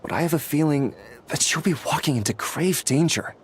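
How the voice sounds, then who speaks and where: An actor gives a fairly high, animated, quick voice close to everyday speech to a game character, an earnest, anxious young male master who is protective. He speaks bluntly and grows exasperated, with a little hiss or hum in the audio.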